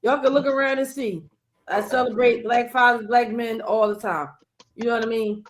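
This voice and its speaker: A woman's voice: a little high, steady tone, normal speed, a little hiss or hum. A woman hosting a podcast discussion, earnest and emphatic as she leads the talk.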